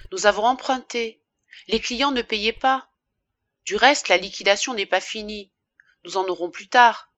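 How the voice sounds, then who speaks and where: A woman's voice: mid-range voice, dry recording. A woman voicing a desperate young wife pleading with her former lover, in a dry audiobook reading. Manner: pleading, rising and forceful when upset. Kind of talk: audiobook character voice.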